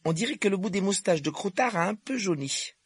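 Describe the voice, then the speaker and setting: A man voicing a curious, soft-spoken orphan wizard boy. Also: high-pitched, lively intonation, fairly quick, husky, no room sound, voice pushed up, full character voice. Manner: curious, turns cold when provoked.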